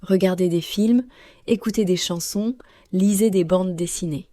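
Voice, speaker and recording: A woman co-hosting a learners' podcast, speaking clearly and slowly like a teacher. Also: lowish voice, mellow, no room sound. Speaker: podcast co-host. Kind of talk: scripted podcast dialogue for learners.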